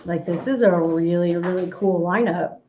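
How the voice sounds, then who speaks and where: A woman's voice: fairly low pitch, moderate pace, mellow. Easygoing woman in a roomy, dull recording. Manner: easygoing, uses "like" a lot. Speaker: co-host. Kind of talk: casual chat. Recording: roomy dull sound with faint noise.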